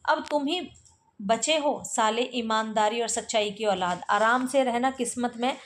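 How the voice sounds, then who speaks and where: A woman's voice: a little high, measured pace, natural voice. A woman voicing a cynical middle-aged male colleague who lectures in a blunt, mocking way while she reads a play aloud for exam study.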